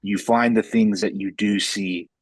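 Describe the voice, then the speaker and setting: A podcast host explaining ideas about faith in a measured way. The voice is very low and husky. The recording is dry and close. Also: fairly even intonation, no echo. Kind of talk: reflective faith discussion.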